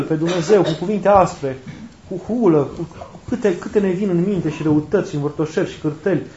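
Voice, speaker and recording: A man's voice: a little high, a little mellow. A man preaching a sermon in a conversational way, asking rhetorical questions and repeating his key phrases. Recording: roomy, dull lo-fi recording.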